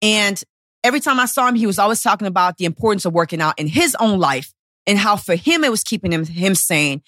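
A woman's voice: mid-range voice, expressive, fast talker, sharp tone, dry recording, clean studio sound. A woman in her thirties, a personal trainer hosting a podcast, telling a personal story in a blunt, profane, emotional way. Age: 30s.

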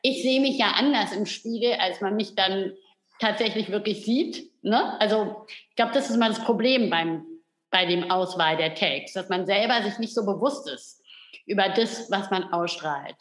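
A woman's voice: medium pitch, moderate pace, a bit bright. A woman, an acting coach, talking casually and thoughtfully, often searching for words and checking in. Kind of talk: casual expert discussion. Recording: roomy echo.

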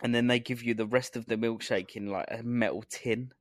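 A man's voice: mid-range voice, fairly even intonation, a little fast, no room sound, studio quality. A young English man co-hosting a podcast, chatting casually and jokingly about food. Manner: jokey, rambling food talk with laughs. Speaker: podcast co-host. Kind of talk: casual chat.

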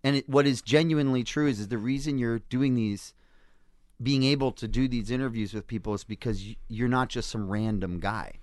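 A man in casual conversation, giving feedback as a guest in a halting, insistent way with many restarts. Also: mid-range voice, no room sound, clean studio sound.

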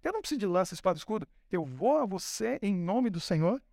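A man's voice: high voice, big pitch swings, quick pace, gravelly, a little mellow, no echo, clean studio sound, exaggerated voice. A man voicing a brave young shepherd boy who speaks firmly and defiantly. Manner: firm, defiant and confident.

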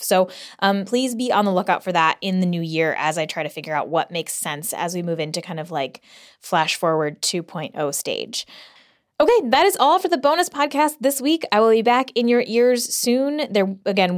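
A woman hosting a podcast in an informal, conversational way, talking straight to listeners from under a blanket fort in a closet. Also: mid-range voice. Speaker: podcast host. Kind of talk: casual solo podcast narration to listeners.

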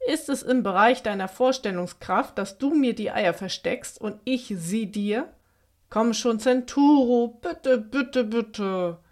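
An aging storybook witch, lonely and stubborn, who scolds in a huffy way, put on by a woman reading aloud. She talks with a slightly raised pitch and swings quickly between grumbling and begging. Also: expressive.

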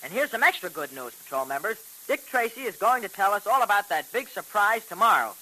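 A male actor playing an eager, excitable American boy sidekick in an old radio serial, earnest and exclamatory. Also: high-pitched, fairly quick, exaggerated voice, poor audio. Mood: eager, pleading. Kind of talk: 1940s radio serial acting.

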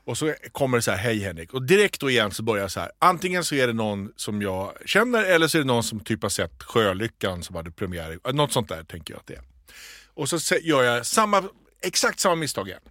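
Animated male podcaster telling a story. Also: mid-range voice, no echo, clean studio sound. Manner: animated, acts out quoted voices. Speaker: podcast co-host. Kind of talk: casual storytelling chat.

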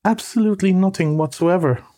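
A man reading a storybook voices a fussy, stubborn male mole who speaks in a prim, slow, indignant way. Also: on the high side, warm tone, close to an everyday voice. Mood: exasperated. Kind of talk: audiobook reading.

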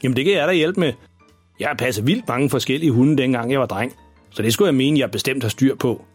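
A man's voice: mid-range voice, slightly rough, faint music behind, natural voice. A man voicing a clumsy, overconfident father in a children's audio story, hesitant and full of fillers. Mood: flustered. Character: clumsy, overconfident bumbling dad.

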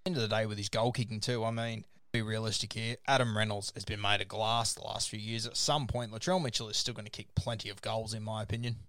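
A man's voice: lowish voice, fairly even intonation, quick pace, few pauses, a bit bright, no echo. Australian man hosting, close dry sound. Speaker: podcast host. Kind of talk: casual sports discussion, running through a ranked list.

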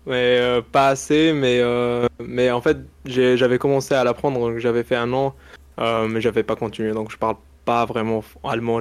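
A man's voice: medium pitch, clean tone. A man from Morocco whose first language is Arabic, a guest analyst who talks hesitantly and searches for words. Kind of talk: casual interview chat.

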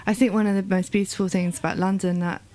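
A woman hosting a conversational interview, speaking in a measured way with a few fillers. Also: mid-range voice, flat delivery, a little mellow, no room sound. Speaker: host.

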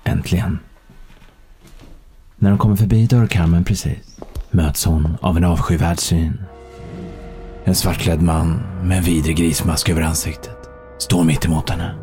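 A man narrating a thriller audiobook in a calm, measured storytelling manner. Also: extremely low pitch.

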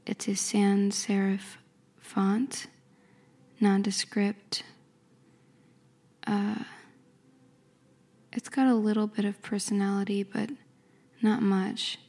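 Slow, gravelly whispering woman. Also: medium pitch, level tone. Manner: soft, slow, careful whisper. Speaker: ASMR creator. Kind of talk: ASMR whispered reading and description.

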